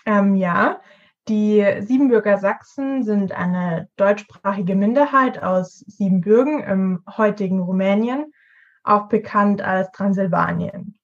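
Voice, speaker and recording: In her early twenties, this woman co-hosts a student podcast, delivering prepared, explanatory talk at a slow pace in a mid-range voice. The audio is dull and lo-fi.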